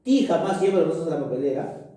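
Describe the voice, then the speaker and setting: A male teacher going through school exercises aloud, moving briskly through the answers and often checking in with the listener with quick tag questions. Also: fairly high pitch, lively intonation, mellow, recorded from a distance. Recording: echoey room, voice off-mic.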